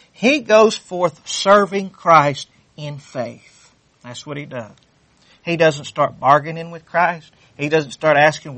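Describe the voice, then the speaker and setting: A man's voice: on the high side, fairly bright tone, dry recording. A man preaching a sermon, fervent and repetitive, reading scripture aloud with rising intensity. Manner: fervent, repeats phrases, reads scripture aloud.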